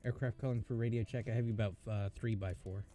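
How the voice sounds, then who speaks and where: A man working as a streaming air traffic controller, moving between measured procedural calls and casual chat. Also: fairly low pitch, fairly even intonation, over loud music.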